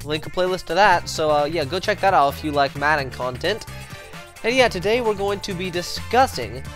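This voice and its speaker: A young man hosting his sports channel offers casual football commentary that rambles, self-corrects and is full of fillers. A head cold leaves his fairly high-pitched, fairly bright voice slightly nasal. He records on a headset mic in a small room in front of a sports-print backdrop.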